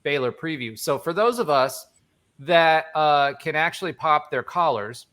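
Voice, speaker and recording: A man hosting a casual sports podcast, talking in an animated, joking, rambling way. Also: on the high side, unhurried. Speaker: podcast host.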